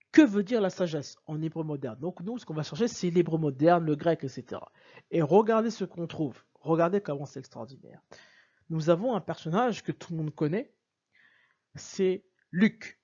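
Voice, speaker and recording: A video lecturer on word origins, a man with a slightly high, mellow, husky voice, explains emphatically over slides in a muffled recording. He repeats himself, urging the listener to look, and keeps saying "regardez" and "bien sûr".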